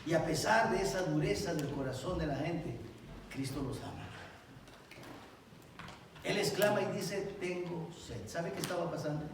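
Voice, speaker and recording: A male pastor preaching with passion in a church, his voice bouncing off a big, echoey room. His high voice swings widely, from ringing cries down to near-murmurs. He sounds a little distant from the mic, with a faint hiss of room noise underneath. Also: animated, normal speed, pauses often. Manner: impassioned preaching, swinging between loud cries and hushed lines. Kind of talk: sermon. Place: church sanctuary.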